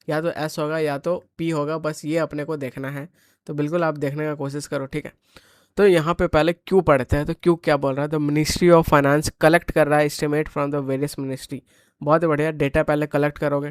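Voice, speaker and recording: A man's voice: fairly high pitch, clean tone, dry recording, poor audio. Hinglish-speaking male exam tutor, dry sound. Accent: Indian English. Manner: reads English questions slowly, explains in casual Hinglish. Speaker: exam coaching teacher. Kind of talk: exam paper solution lesson.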